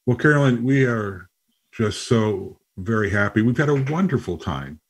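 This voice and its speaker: A man's voice: on the low side, lively intonation, normal speed, slightly rough. A man, the president of a society, formally presenting an honorary award by reading out a citation. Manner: formal, reads a prepared citation.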